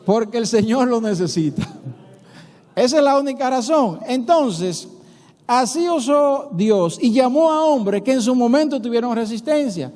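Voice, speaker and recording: A man's voice: extremely high pitch, measured pace. A male pastor with a Dominican Spanish accent preaching a sermon, telling stories conversationally and asking his congregation rhetorical questions. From Dominican Republic. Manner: animated storytelling, acting out dialogue between biblical figures. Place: church sanctuary. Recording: long church reverb.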